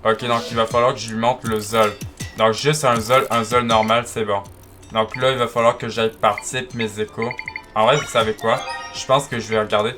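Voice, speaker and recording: A man's voice: fairly low pitch, level tone, moderate pace. A man giving casual gameplay commentary, chatty and full of restarts, talking straight to his viewers. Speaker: gaming video creator. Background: game music.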